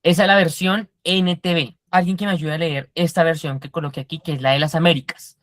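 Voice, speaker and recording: Woman Bible teacher, lower pitch, dry close sound, quizzes her class and walks through word meanings. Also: steady tone, a little fast, no room sound. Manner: quizzes the class and explains Greek words step by step.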